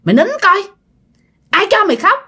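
A woman's voice: extremely high pitch, big pitch swings, moderate pace, pushed and bright, pitched above the performer's own voice, full character voice. A woman voicing the spiteful ghost of a dead old woman who has possessed a young girl, taunting and scolding. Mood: harsh.

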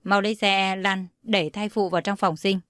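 A woman reading as a brisk female doctor in an audio story, curt and commanding, snapping out orders. Her voice sits at a middle pitch in a dry, close recording. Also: steady tone, fairly bright tone, no room sound, natural voice.

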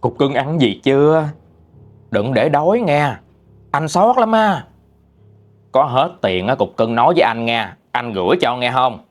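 A man's voice: mid-range voice, animated, measured pace, natural voice. A man voicing a cheating middle-aged husband, cooing sweet talk to his lover.

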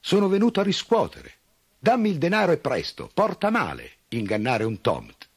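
A man voicing a small, wronged male Tomt sprite who talks high and pushy, sometimes in a sing-song. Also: wildly swooping pitch, normal speed, breathy edge, exaggerated voice. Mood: demanding.

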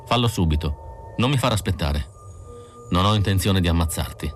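A man's voice: low voice, animated, normal speed, soft background music. A man reading an audiobook, voicing a young female android who sounds tense and pleading, in a raised voice. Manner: anxious, breathless pleading.

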